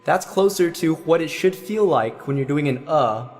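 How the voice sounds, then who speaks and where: A man's voice: fairly high pitch, expressive, moderate pace, a little mellow. A man giving a singing lesson as voice teacher, patiently explaining and singing vowels to show them.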